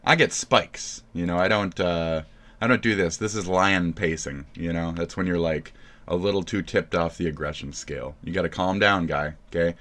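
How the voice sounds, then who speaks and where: A man streaming live, ranting in profane, mocking commentary that keeps jumping into loud shouts. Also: low-pitched, moderate pace.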